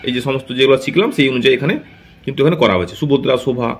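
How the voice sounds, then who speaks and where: A man teaching English pronunciation in Bengali, explaining step by step. He checks in with his students often and slows down to spell out example words. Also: mid-range voice. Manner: checks in often with a tag question.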